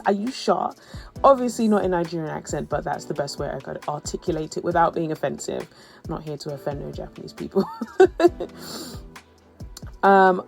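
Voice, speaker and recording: A woman's voice: fairly low pitch, gravelly, darkish tone. A woman narrating her travel vlog as a voice-over, telling her story in a chatty, humorous way with playful asides. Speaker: travel vlogger.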